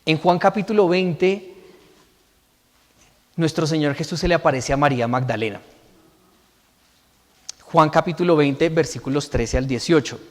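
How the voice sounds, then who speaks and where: A male pastor preaching in a church, reading scripture aloud and unpacking it verse by verse. His voice sits a little high for a man and trails off with a long hall reverb. He keeps checking in with his listeners as he goes. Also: moderate pace, pauses often. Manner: reads scripture aloud and explains it, asking "¿sí?" to the congregation. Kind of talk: sermon.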